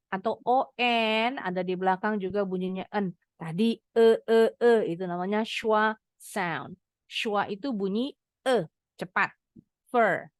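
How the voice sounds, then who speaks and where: A woman English teacher, explaining pronunciation to teens and modeling words slowly for them to repeat. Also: medium pitch, no echo, studio quality. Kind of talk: online English lesson for teens.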